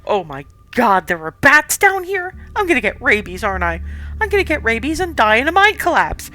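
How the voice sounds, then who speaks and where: Jittery young woman in a story game, panicky and dramatic, bright lively delivery, played by a woman. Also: on the high side, measured pace, faint music behind, pitched above the performer's own voice, heavily acted. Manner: panicky, spiraling worry.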